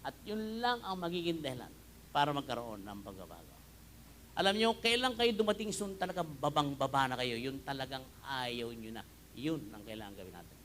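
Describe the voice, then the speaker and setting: A male pastor with a Filipino accent preaching a sermon, mixing Tagalog and English, swinging from hushed prayer to loud emphatic bursts. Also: mid-range voice, a little hiss or hum. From Philippines. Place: church hall.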